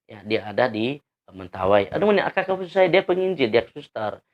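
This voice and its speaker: A man telling his story to an audience in an earnest, emphatic way, often pausing with hesitations. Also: medium pitch, very animated, highs cut off. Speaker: convert giving testimony. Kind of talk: spoken testimony to an audience.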